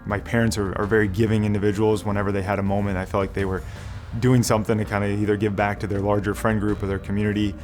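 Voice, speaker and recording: A man's voice: fairly low pitch, little pitch movement, fast talker, hardly any pauses. A man speaking earnestly and measuredly about community care in an interview. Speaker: primary care clinician, scholarship recipient. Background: background music.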